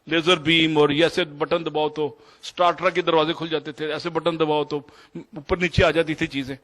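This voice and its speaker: Pakistani man, fifties, slightly high voice, digressive storyteller mixing in English. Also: level tone, a bit bright. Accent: Pakistani Urdu. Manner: anecdotal, digressive, mixes English phrases. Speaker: doctor sharing experiences. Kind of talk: storytelling talk.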